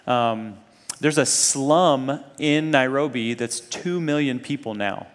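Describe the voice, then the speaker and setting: Slowly and in a mid-range voice, a man from Zambia and Kenya gives students a sermon. He talks in an earnest, conversational way, often asking his listeners rhetorical questions, and the audio has a long hall reverb.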